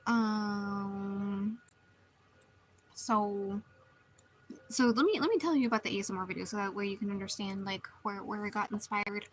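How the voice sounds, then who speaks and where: A woman's voice: medium pitch, moderate pace, long pauses, slight background noise, poor audio. A woman streamer chatting casually while she draws, rambling and restarting her sentences often. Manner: rambling, meandering, many restarts.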